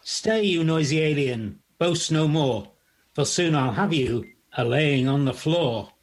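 A man's voice: fairly high pitch, lively intonation, measured pace. A man playing a bold, boastful knight, declaiming rhymes in a comic folk play. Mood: boastful, defiant. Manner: declamatory, rhyming bravado. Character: boastful, bold knightly hero Saint George.

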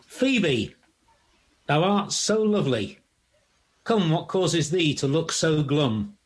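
A man's voice: fairly high pitch, animated, slow, breathy edge, heavily acted. A man playing a bold, boastful knight, declaiming rhymes in a comic folk play. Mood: wooing. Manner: declamatory, rhyming bravado. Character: boastful, bold knightly hero Saint George.

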